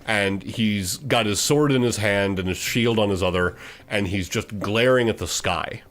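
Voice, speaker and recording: A man narrating as game master, steady and matter-of-fact, with frequent pauses. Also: fairly low pitch.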